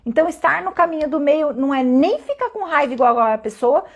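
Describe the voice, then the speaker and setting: A woman giving a calm, reflective spoken lesson at an unhurried pace, often pausing to ask her listeners questions. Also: high-pitched, dull audio. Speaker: teacher.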